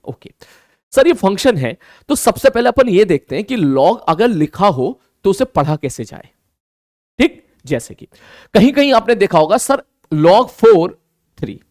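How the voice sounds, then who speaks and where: A male teacher giving an online maths lesson in a lively way, slowing down to spell out terms and answering his own questions in his students' voices. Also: high voice, dry recording, clean studio sound.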